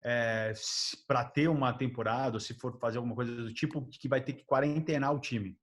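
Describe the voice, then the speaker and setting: A Brazilian man hosting a podcast, telling an anecdote in a casual, animated way, laughing and acting out what people said. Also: mid-range voice, fairly quick. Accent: Brazilian Portuguese. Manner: animated, laughing, acts out quotes. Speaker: podcast host. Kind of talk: casual storytelling chat.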